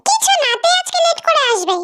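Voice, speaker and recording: A woman doing a comedic fan dub, playing several characters in a quick, teasing, bickering way. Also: very high voice, sing-song, heavy background noise.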